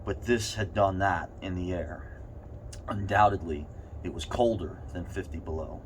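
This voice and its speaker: A man with a very deep voice reads a short story aloud while chilled in an ice bath. He phrases it deliberately, leaving pauses between clauses. A faint steady noise sits behind him. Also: poor audio. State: cold, sitting in an ice bath. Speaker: reader.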